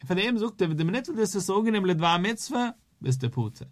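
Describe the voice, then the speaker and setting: A man's voice: high-pitched, sing-song, a little fast. A man, a rabbi, teaching a daily Talmud page, in a sing-song study cadence that repeats its key phrases.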